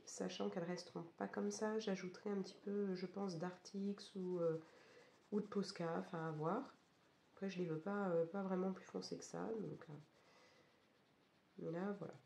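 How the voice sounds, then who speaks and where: A woman chatting casually in a craft vlog, her voice hoarse and cracked from a cold. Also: fairly low pitch, dark tone. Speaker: craft vlogger. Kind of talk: casual vlog chat about colouring. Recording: roomy echo, faint background noise.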